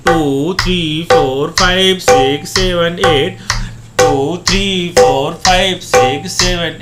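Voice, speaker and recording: A man teaching dholak, patiently explaining hand positions and counting beats aloud as he plays. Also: high-pitched. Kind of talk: demonstrating a music lesson. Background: dholak drumming.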